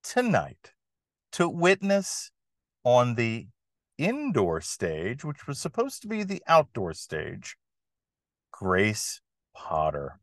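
A man hosting a podcast, announcing like a showy ringmaster with drawn-out build-up. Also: mid-range voice, wildly swooping pitch, no echo, studio quality. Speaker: music podcast host. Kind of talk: scripted podcast introduction.

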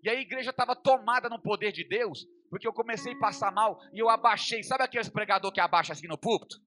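A young man delivers a testimony sermon in a high, bright voice. He swings between loud, fervent preaching and quiet, intimate storytelling. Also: fast talker. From Brazil.

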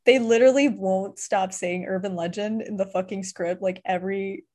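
A young woman co-hosting a podcast in casual chat, animated, swearing freely and laughing often. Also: medium pitch, moderate pace. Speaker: podcast co-host.

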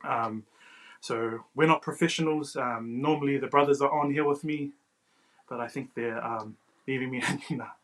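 A man's voice: mid-range voice, fairly even intonation, moderate pace, a bit bright, poor audio. Hesitant man hosting a casual podcast. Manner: hesitant, informal, frequent "bro" and "you know". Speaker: podcast host. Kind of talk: casual, unscripted interview hosting.

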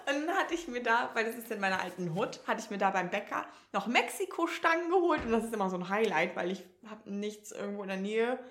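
A young woman co-hosting a podcast, chatting casually and acting out quoted dialogue as she tells stories. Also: fairly high pitch. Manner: animated storytelling, acts out quoted dialogue. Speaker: podcast co-host. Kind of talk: casual chat. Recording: roomy echo.

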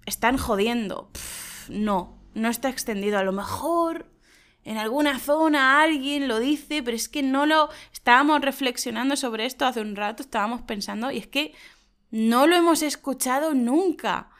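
A woman from Spain, co-hosting a lesson and explaining slang to learners in a lively, emphatic way. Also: sits high, normal speed. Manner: lively, emphatic, laughs often. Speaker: Spanish teacher and co-host.

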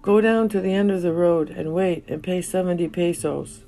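A woman's voice: on the low side, normal speed, dark tone, lightly acted, poor audio. A woman reading the lines of a helpful young resort worker in a spoken memoir, with faint guitar music behind. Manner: instructive, plain-spoken.

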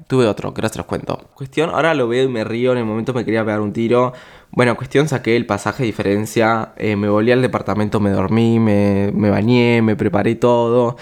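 A young man with an Argentine accent tells a travel story as a podcast host, chatty and slangy, swearing and filling gaps with small words. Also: medium pitch. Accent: Argentine Spanish. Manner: chatty, slangy and profane, with lots of filler words. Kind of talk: casual storytelling monologue.

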